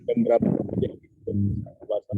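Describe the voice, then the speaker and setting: A man's voice: normal speed, narrow, tinny audio, slight background noise. A man asking practical questions in a casual video call, his audio choppy and breaking up. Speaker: meeting participant.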